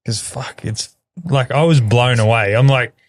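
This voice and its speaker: A man's voice: medium pitch, unhurried, no room sound. A laid-back Australian man in casual podcast chat, blunt and swearing freely. His voice sits in an ordinary middle range. The recording is dry and close, with no room sound. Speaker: podcast host.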